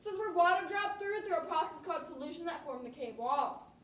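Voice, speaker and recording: A woman's voice: very high voice, animated, fast talker. A woman working as a tour guide, delivering a rehearsed guided talk. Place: inside a large underground cave. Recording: echoey cave, distant mic, faint noise.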